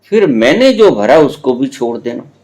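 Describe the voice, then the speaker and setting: A man in his seventies giving a spiritual discourse, telling stories slowly with drawn-out words and playful teasing. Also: medium pitch, very animated, darkish tone. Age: 70s. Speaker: spiritual teacher.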